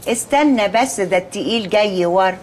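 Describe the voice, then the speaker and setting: An actress playing a brash, folksy middle-aged aunt with an Egyptian accent, teasing and sing-song in a sitcom. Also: female voice, mid-range voice, fairly quick, slight background noise, lightly acted. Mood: cheeky. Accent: Egyptian Arabic. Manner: loud, teasing, sing-song working-class banter. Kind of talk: sitcom acting.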